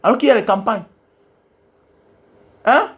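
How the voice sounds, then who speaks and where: A travel vlogger, a man, talks in a high-pitched voice. He scolds his audience angrily and repeats each point again and again. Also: expressive, measured pace, a bit bright. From Cameroon. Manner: angry, scolding, repetitive hammering of points. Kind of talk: ranting monologue to viewers.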